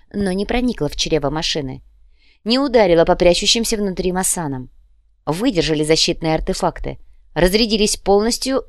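A woman reading an audiobook in a steady, even way. Her voice sits on the low side. The recording is dry and close, with no room sound. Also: dry recording. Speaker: audiobook narrator. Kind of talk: audiobook narration of urban fantasy.

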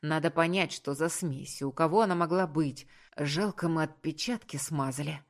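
A woman reading a story, voicing a calm, firm young man who is practical and protective. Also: low-pitched, moderate pace. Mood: steady.

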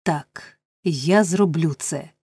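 A woman's voice: low voice, very slow, darkish tone, husky, dry recording, exaggerated voice. A woman doing a pompous stately beadle. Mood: solemn. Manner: stately, solemn, flustered at times. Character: pompous middle-aged male parish beadle.

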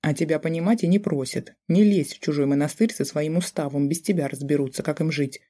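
An audiobook narrator voicing a blunt, grumbling older father who speaks curtly and deliberately, with a mellow tone. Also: medium pitch, lightly acted. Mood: gruff.

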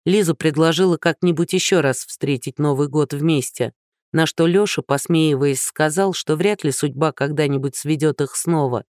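A man narrating an audiobook in an even, measured storytelling manner. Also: a little high, no echo, studio quality. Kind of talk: scripted narration.

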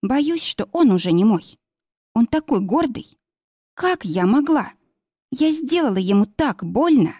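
A woman reading an audiobook, voicing a young heroine who is emotional and pleading, her voice pitched higher and tense. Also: big pitch swings, a little slow, warm tone, slightly rough, no echo, clean studio sound, full character voice. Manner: high, agitated and pleading.

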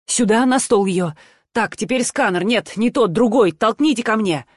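A woman's voice: a little high, normal speed, no room sound, clean studio sound, natural voice. A woman playing a brusque male doctor barking orders. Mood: commanding. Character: gruff male doctor, brisk and commanding.

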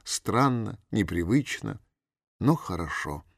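A man narrating an audiobook with even, measured delivery. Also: lowish voice, vocal fry, no room sound, clean studio sound. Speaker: audiobook reader. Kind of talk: scripted narration.

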